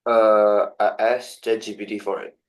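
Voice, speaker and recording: A man, a student, explaining how he made his attempt, speaking up loudly. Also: fairly low pitch, flat delivery, a little slow, poor audio.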